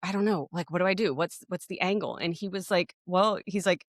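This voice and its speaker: Rambling woman, lowish voice. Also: a little fast, no room sound, clean studio sound. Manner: rambling storyteller, many restarts and fillers. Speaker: podcast co-host. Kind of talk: casual podcast chat.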